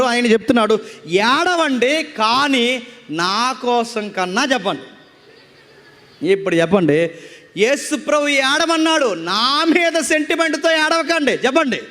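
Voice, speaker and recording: High-voiced preacher in a reverberant hall. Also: male voice, a bit bright. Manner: preaching with repeated rhetorical questions, urging the congregation to answer. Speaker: pastor. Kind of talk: sermon. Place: church hall before a congregation.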